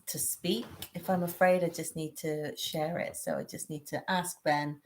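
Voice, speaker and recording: A woman with a Bristol accent co-hosting a relaxed teaching talk on relationships, gentle and matter-of-fact. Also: low voice. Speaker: co-host. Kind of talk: casual teaching chat.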